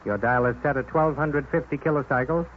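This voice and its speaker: Brief: male station announcer, old 1930s radio show sign-off, formal and even, thin tinny band, faint hiss. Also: mid-range voice, a little fast. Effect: old 1930s radio broadcast.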